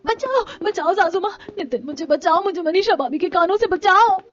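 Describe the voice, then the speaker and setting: A man voicing an anxious young wife in an animated family story, high-pitched and pleading. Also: moderate pace. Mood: frantic. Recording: dull lo-fi with music.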